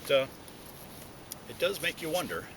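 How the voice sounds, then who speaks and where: A man chatting casually and reflectively to viewers outdoors, in a halting way, talking around a pipe in his mouth. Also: very animated. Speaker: pipe smoking video blogger. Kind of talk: casual solo chat to viewers. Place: outdoors, sitting inside a hollow tree. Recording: noisy outdoor recording with low rumble.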